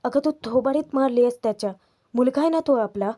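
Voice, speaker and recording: A stern, scheming father argues urgently and firmly with his wife, as a woman narrator reads him. The voice is soft-toned and on the high side. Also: fast. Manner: firm, urgent reasoning.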